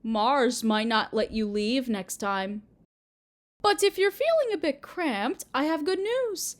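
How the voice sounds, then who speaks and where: In a roleplay audio drama, a woman voices a doting, possessive Mother Earth goddess, cooing sweetly as though to a small child but with a gentle menace underneath. Her high voice is animated and slow-paced, and the mood is chiding and possessive.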